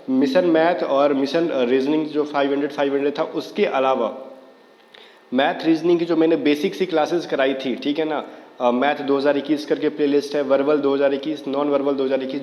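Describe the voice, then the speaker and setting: A man's voice: fairly high pitch, a little mellow, lo-fi sound. A man teaching exam prep in a casual Hindi video lesson, speaking straight to viewers and dropping in fillers. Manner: talks straight to viewers, many fillers like "theek hai". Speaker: online exam coaching teacher. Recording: echoey room with long reverb.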